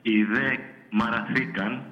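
A man's voice: mid-range voice, fairly even intonation. A man calling in to a show, speaking in a solemn, old-fashioned, churchy way. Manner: pious, old-fashioned formal speech. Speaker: caller. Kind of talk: solemn preachy phone call. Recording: muffled phone line.

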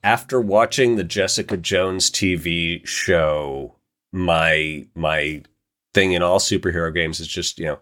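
Podcast cohost guy, kinda low voice, jokey and casual. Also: fairly bright tone. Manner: jokey, quick asides. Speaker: podcast co-host. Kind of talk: casual chat.

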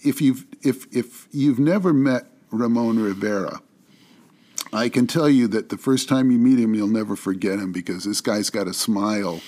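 A man's voice: fairly low pitch, moderate pace, warm tone. A man hosting a casual interview, speaking in an affirming, conversational way. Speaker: host.

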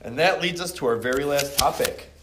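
Speaking a little fast with a fairly high pitch, a middle-aged man teaches his class through a joking review quiz. He calls on students by name in casual chat, captured in an echoey classroom with faint noise.

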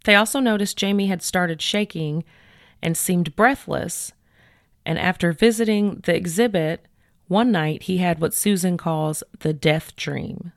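A woman hosting a podcast, retelling a case in a chatty, animated way with many fillers. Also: fairly low pitch, unhurried, vocal fry, no room sound, clean studio sound. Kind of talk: casual storytelling chat.

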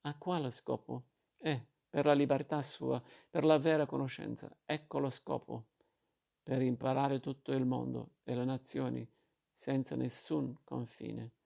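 A man reading aloud and voicing a fiery, indignant boy who answers defiantly, in a dark and gravelly voice. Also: medium pitch, steady tone, measured pace. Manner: vehement, defiant.

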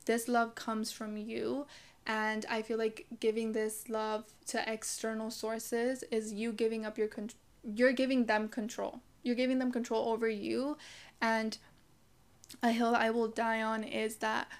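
A woman's voice: on the high side, flat delivery, a little slow. A young woman hosting a podcast, talking earnestly and casually about self-love and cursing freely. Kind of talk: casual motivational talk.

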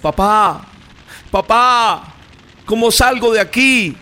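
A man's voice: high voice, slow pace, pushed and bright, pitched above the performer's own voice, exaggerated voice. A man playing a terrified crying boy. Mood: scared crying. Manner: crying, fearful. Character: frightened small boy trapped in a fire.

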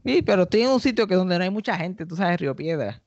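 A Puerto Rican man tells a comic story on a podcast, slipping into others' voices as he goes. His voice is gravelly and pitched a bit high. The sound is dry and a little dull. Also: fast, no room sound. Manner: animated, acts out quoted people in high voices. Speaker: podcast host and stand-up comedian.

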